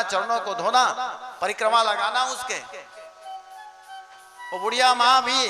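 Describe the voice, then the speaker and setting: High-voiced man preaching with music behind. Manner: animated storytelling, chuckling, chanting verses. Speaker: Bhagavat katha preacher. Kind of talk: devotional sermon with call-and-response. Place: outdoor village religious gathering.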